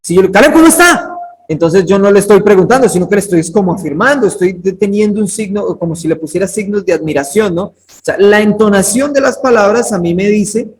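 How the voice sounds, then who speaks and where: Man with a high voice teaching a Bible class over a video call, chatty, calls on students by name. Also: a little mellow, poor audio. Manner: conversational, questions students by name. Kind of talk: interactive online class lecture.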